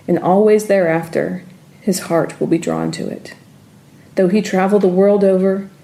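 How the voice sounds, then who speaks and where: A woman reading her own personal essay in a calm, reflective manner. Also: fairly low pitch. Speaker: writer reading her story.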